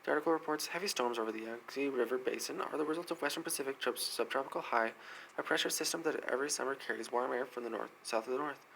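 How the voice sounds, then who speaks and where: A man hosting a weather news segment, reading articles aloud quickly with frequent slips and restarts. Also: medium pitch, gravelly, a bit bright, a little hiss or hum, poor audio.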